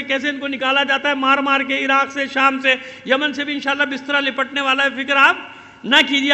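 A man's voice: very high voice, sharp tone. A male preacher, delivering an impassioned religious sermon to a congregation, full of rhetorical repetition and calls for responses. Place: large hall with congregation. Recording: reverberant hall.

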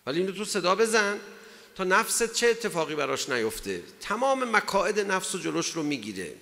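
A religious lecturer with a high, bright, pushed voice delivers a sermon emphatically in a sing-song manner. He poses rhetorical questions to his listeners, and a long hall reverb colors the recording.

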